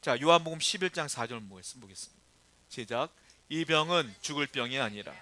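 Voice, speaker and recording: Male pastor, sermon delivery; bright, forceful tone; rhetorical questions, dynamic swings between soft and loud. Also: mid-range voice, expressive, a little fast.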